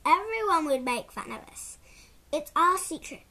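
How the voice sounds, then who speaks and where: A woman voicing an eager young girl in a storybook, earnest and lively. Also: sits high, normal speed, voice pushed up, exaggerated voice.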